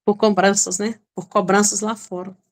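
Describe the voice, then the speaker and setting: A woman sharing lively, anecdotal stories in a casual group discussion. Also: mid-range voice, normal speed.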